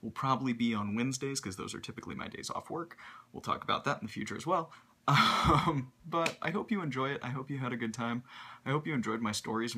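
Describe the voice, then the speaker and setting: A man's voice: mid-range voice, vocal fry, pushed and bright, husky. A young man talking through a casual vlog, telling stories in a rambling, long-winded way. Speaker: vlogger.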